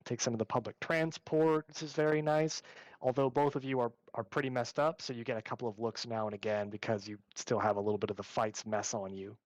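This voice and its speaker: A man's voice: medium pitch, no room sound, poor audio. Laid-back man running a tabletop game. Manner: casual, filler-heavy narration. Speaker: game master.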